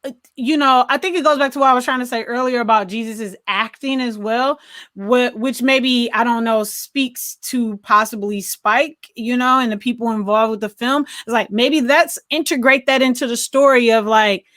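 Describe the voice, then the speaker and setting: With a fairly high, fairly bright voice at a moderate pace, this American co-host reviews films in an easygoing podcast conversation, musing aloud. The recording is studio quality, with no room sound.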